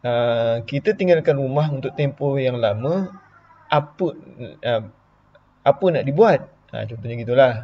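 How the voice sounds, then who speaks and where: Malaysian guy teaching kids online, kinda husky, mid pitch, chatty, lo-fi sound. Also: lively intonation, normal speed. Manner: chatty, explains with repeated example questions. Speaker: primary school Malay teacher. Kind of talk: online lesson.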